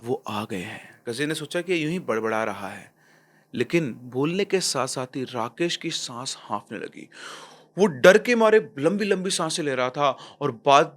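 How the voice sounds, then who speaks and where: A man narrating a horror story in a tense, suspenseful way, dropping quiet at the scary parts. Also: sits high. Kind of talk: dramatic storytelling.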